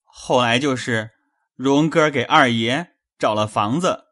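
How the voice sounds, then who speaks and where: A woman voicing a frightened young male servant who pleads and hurries through his confession in a lowered voice. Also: takes it slowly, a bit bright, exaggerated voice. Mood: cowering, pleading.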